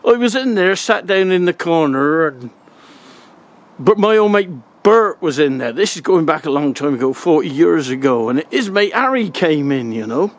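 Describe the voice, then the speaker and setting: Casting: older male comic storyteller, broad rural Wiltshire accent, high voice, folksy and very animated. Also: normal speed. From Wiltshire, England. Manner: folksy, chuckling, colloquial rural turns of phrase. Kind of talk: casual humorous anecdote telling.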